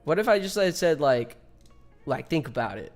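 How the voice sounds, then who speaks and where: Faint music plays behind a man in his twenties whose voice sits on the high side, swinging widely in pitch at normal speed. Streaming a game, he chats casually, jokes with chat and swears frequently, all in a laid-back way.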